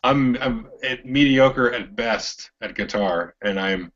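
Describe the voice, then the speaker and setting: A man's voice: mid-range voice, slow, a bit bright, highs cut off. A man with a nasal voice and an American Northwest and California accent, co-hosting a casual board game chat in a laid-back, hesitant way. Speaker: co-host.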